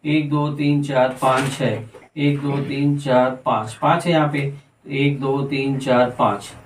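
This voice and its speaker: A man's voice: medium pitch, fairly even intonation, slow pace, echoey room, distant mic, a little hiss or hum, rough recording. A man teaching a math lesson step by step, counting aloud and answering his own questions as he works.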